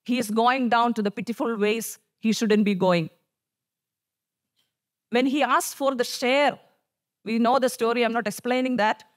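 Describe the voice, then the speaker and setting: A woman's voice: a little high, fairly even intonation, unhurried, pauses often. A woman preaching a sermon at a church service in an earnest way, often repeating her phrases and saying "you know".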